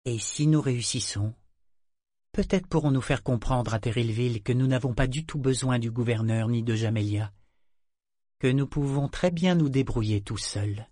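A man reading the part of a stern older grandmother who speaks gravely and in measured tones, with a dry, close sound. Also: mid-range voice, dark tone, no room sound, close to an everyday voice. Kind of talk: audiobook character reading.

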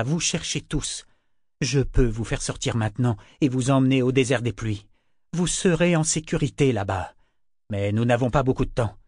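A man's voice: medium pitch, dry recording, clean studio sound, close to an everyday voice. A man voicing a desperate young man in an audiobook, pleading urgently and insistently. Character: desperate, forceful young man, half-wild. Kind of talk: audiobook character voice.

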